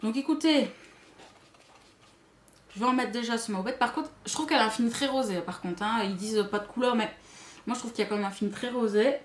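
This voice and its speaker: A woman's voice: a little high, fast talker, long pauses. Chatty woman vlogger in an echoey room. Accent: Belgian or Swiss French. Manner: chatty, frequent asides and fillers to viewers. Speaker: beauty vlogger. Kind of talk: casual makeup review to camera.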